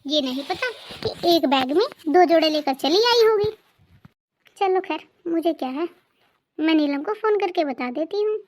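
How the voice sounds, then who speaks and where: A nagging, greedy mother-in-law from a cartoon family drama, voiced by a woman, with a very high, thin voice. She scolds and jabs with sarcasm. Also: expressive, normal speed, a little hiss or hum. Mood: scolding.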